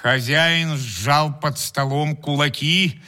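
A man reading a humorous story aloud, measured and deliberate. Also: on the high side, bright, forceful tone. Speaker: narrator.

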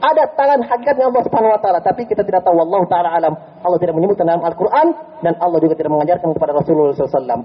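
Animated high-voiced male preacher. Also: breathy edge, lo-fi sound. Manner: animated storytelling, checks with "ya?" and "jelas?". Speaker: Islamic teacher giving a study lecture. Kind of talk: religious lecture. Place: prayer room.

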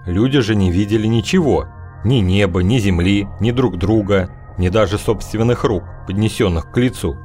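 A man narrating an audiobook in a low voice, measured and wry. He reads steadily and evenly, in a plain storytelling manner. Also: darkish tone, soft background music. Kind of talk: scripted narration.

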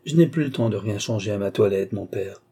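A man voicing a pale, dutiful young noblewoman who answers quietly and politely. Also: fairly low pitch, animated, a little fast, creaky, slightly rough, full character voice. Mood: subdued.

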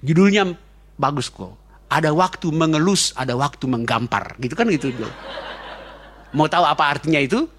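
Fast-talking joking male pastor. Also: fairly high pitch, expressive, a little hiss or hum. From Indonesia. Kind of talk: sermon.

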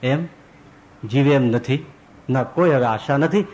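A preacher voicing an old devout father who speaks quietly and with resignation. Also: a little slow, close to an everyday voice. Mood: resigned. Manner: low, subdued.

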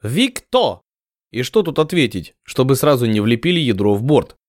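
A man narrating an adventure novel in a measured storytelling voice. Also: medium pitch, lively intonation, dry recording, studio quality. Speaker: audiobook narrator. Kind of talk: scripted narration.

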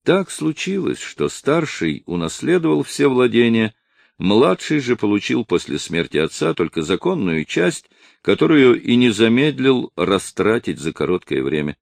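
A man's voice: mid-range voice, big pitch swings, normal speed, creaky, no echo, studio quality. A man voicing a poor but proud old father who speaks sternly and with indignation.

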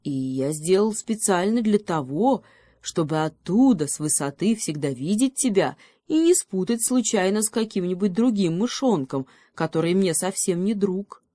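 A woman's voice: lowish voice, animated, normal speed, mellow, no echo. A woman voicing a proud, lofty male eagle in a fairy tale, speaking majestically. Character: grand, proud male eagle, boastful protector.

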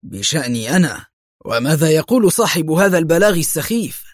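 A man's voice: medium pitch, moderate pace, slightly rough, no room sound, clean studio sound. A man voicing a nervous businessman who hides a crime ring, blustering yet shaken, in an audiobook story.

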